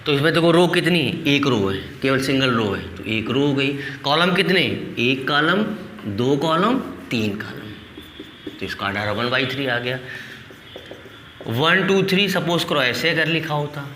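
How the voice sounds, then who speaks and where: Bright-voiced man teaching in an echoey hall. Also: mid-range voice, lively intonation, a little slow, slight background noise. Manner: asks the class questions and answers them himself, counts aloud; addresses students as "beta", coaxing. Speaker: maths teacher. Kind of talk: classroom board lesson. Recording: echoey hall, mic from a distance.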